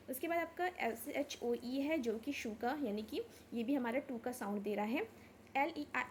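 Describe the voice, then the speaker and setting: Woman teaching shorthand online, keeps asking "clear?", kinda high voice, little bit of hiss. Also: a little mellow. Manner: checks in with a repeated "clear?"; mixes English words into her Hindi. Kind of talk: online lesson, explaining step by step.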